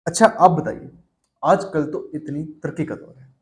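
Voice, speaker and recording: A man hosting a mock interview in a comedy sketch, speaking in a measured, formal way that turns stern when he scolds his guest. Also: on the high side. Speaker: host.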